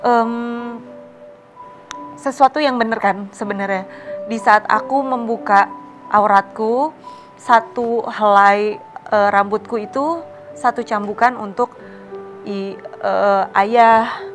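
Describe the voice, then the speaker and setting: A woman's voice: mid-range voice, fairly even intonation, takes it slowly, long pauses, soft background music. A woman guest on a television talk show, telling a personal story in a heartfelt, chatty way. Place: TV studio.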